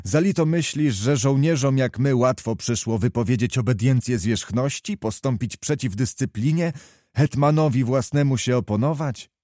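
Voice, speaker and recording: A man's voice: medium pitch, normal speed, darkish tone, no echo, clean studio sound, close to an everyday voice. A man voicing a stern older officer who speaks with impassioned, declamatory force. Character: stern older male officer, fiery patriotic orator.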